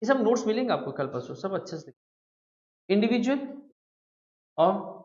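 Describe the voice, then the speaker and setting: A woman's voice: medium pitch, very animated, moderate pace, a little mellow. A woman lecturing on tax law to a live class, constantly asking questions back and repeating the key terms. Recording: echoey room, dull lo-fi sound.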